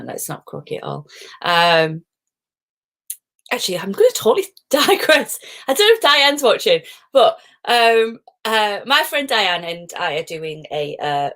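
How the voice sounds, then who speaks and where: A woman's voice: on the low side, a bit bright. A middle-aged woman, hosting a live stream as a positivity coach, chatty and digressive with frequent laughs. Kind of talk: casual live-stream talk.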